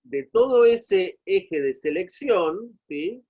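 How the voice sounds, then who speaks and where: A man's voice: high voice, animated, slow, husky. Argentine lecturer man on a video call. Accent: Argentine Spanish. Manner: explanatory, checks in often with "¿no?" and "¿sí?". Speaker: university lecturer. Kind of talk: online class lecture. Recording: tinny phone-like call audio.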